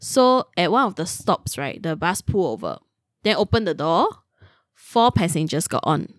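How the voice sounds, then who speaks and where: A woman's voice: on the low side, big pitch swings, normal speed, dry recording, studio quality. A Singaporean woman telling a story casually in Singlish, as a host among friends, full of particles and little checking tags.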